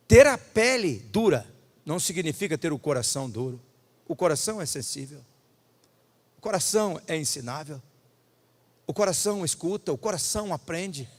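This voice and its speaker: A man preaches with a Brazilian Portuguese accent, his voice sitting high for a man. He swings from loud, ringing declarations to quiet, intimate asides. A long reverb trails behind him in a big church hall. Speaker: pastor. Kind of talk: sermon.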